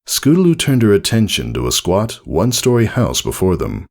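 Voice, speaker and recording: Reading fan fiction aloud, a narrator with a deep, gravelly voice takes a slow, deliberate approach. His pitch lifts and drops expressively, carrying the storybook-style prose forward.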